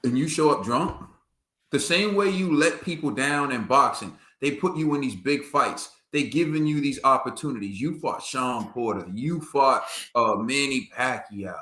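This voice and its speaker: A man's voice: medium pitch, normal speed, sharp tone. A man co-hosting a podcast, giving emphatic casual boxing commentary and laughing often. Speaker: podcast co-host. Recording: roomy echo.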